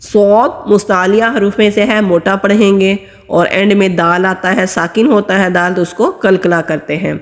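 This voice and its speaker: A woman's voice: mid-range voice, fairly even intonation. Patient woman teaching letter sounds. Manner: explains sounds patiently, then recites letters slowly and drawn out. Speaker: Quran reading teacher. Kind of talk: step-by-step recitation lesson. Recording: long hall reverb.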